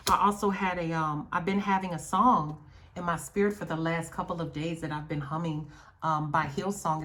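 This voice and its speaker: A woman's voice: low-pitched, a bit bright, a little hiss or hum. A woman giving an earnest, reflective tarot reading and often checking in with her viewers. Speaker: tarot reader. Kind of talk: spiritual tarot reading monologue.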